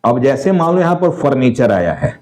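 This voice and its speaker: A man teaches an accounts lesson as an explanatory lecture, working step by step and answering his own questions for the students. His mid-range voice is sing-song, brisk, and darkish, with faint music behind and poor audio. He often says "dekho" and "theek hai" to check on students.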